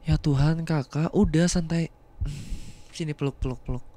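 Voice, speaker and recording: This is an ASMR role-play voice: a young student boyfriend, acted by a man, once a rough gang bully and now fiercely protective. His voice sits a little high. He calms his partner by repeating short, coaxing words again and again. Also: normal speed, lightly acted. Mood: soothing. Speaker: voice actor.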